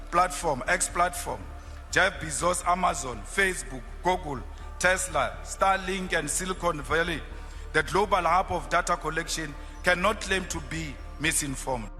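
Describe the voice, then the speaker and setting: A man making a forceful, declamatory parliamentary speech. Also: fairly high pitch, in a large hall. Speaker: politician.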